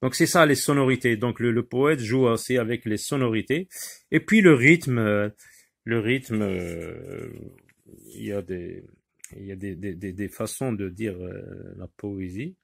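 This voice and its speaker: A man's voice: fairly low pitch, measured pace, gravelly, slightly rough. A man teaching a lesson on poetry, hesitant with many fillers and restarts, stressing his wordplay examples. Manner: explains with wordplay examples, lively emphasis. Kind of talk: recorded French lesson on poetry.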